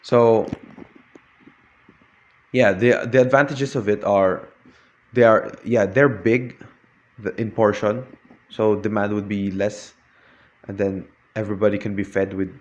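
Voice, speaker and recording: A young man with a lowish voice delivers a prepared classroom talk. He stumbles often, restarting words and filling gaps as he goes. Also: dull audio. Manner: hesitant, frequent restarts and fillers.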